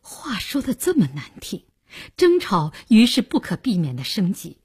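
A woman narrating a novel in a measured storytelling reading. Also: mid-range voice, wildly swooping pitch, darkish tone, slightly rough.

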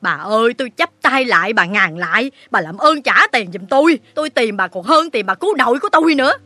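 Story character: a shrill loan-shark woman, sharp-tongued and mocking, dry close sound. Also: lively intonation, fast, dry recording. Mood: demanding. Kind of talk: audiobook story reading.

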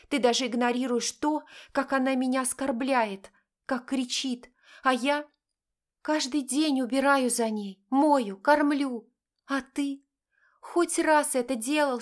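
A woman's voice: high voice, voice pushed up. A woman voicing a young woman in an audiobook, pleading and emotional, rising and insistent. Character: desperate young woman pleading with her father. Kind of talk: audiobook character voice.

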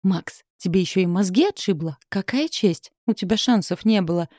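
A woman's voice: medium pitch, normal speed, a little mellow, no echo, lightly acted. Woman voicing a curt male boss, irritable, audiobook, dry sound. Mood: irritated. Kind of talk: audiobook reading.

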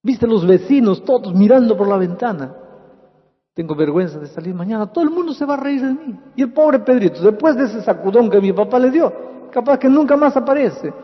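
A man's voice: very high voice, animated, fairly quick, voice pushed up. A man voicing a sad twelve-year-old girl pouring out a rambling, tearful prayer in bed. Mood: sad, upset. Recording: dull lo-fi hall reverb.

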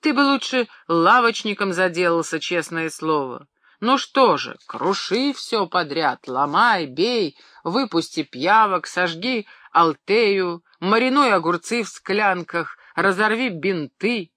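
An audiobook reader voicing a pompous, excitable middle-aged male pharmacist who shouts and rants in outrage, raising the voice high and loud. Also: moderate pace, dry recording. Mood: furious ranting. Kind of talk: audiobook character reading.

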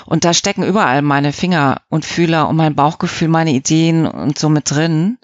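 A middle-aged woman who produces and edits audio dramas gives relaxed, reflective interview answers, thinking aloud at length and rambling. Her voice is low-pitched at normal speed, with no room sound and the highs cut off.

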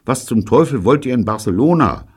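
A man's voice: medium pitch, animated, a little fast, a little mellow, husky, pitched above the performer's own voice. A man doing an exasperated, scolding grown-up. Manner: impatient, scolding. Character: exasperated adult man on the radio.

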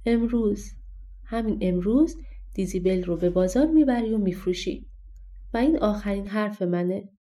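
A woman's voice: medium pitch, warm tone, natural voice. A woman voicing a worried poor mother in a storybook, firm and scolding. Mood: stern.

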